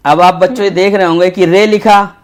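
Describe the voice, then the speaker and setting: A man teaching a children's Urdu lesson, patient and slow, repeating each letter as he writes. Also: high voice, fairly even intonation. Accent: Indian Urdu. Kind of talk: textbook lesson for young children.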